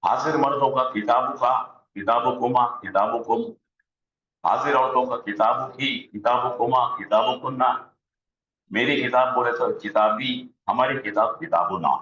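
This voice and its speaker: A man teaching an online Arabic grammar lesson, slowly drilling word forms aloud on a video call. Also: medium pitch, sharp tone, a little hiss or hum. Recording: dull echoey room sound.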